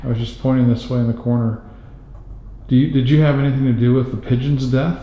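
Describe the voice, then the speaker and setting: A man calls out firm, probing questions to an unseen spirit. His voice is mellow and dark. The sound is muffled and bounces around a large empty hospital room. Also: medium pitch, fairly even intonation, quick pace. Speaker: paranormal investigator. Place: abandoned hospital floor, indoors. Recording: roomy, dull-sounding hall recording.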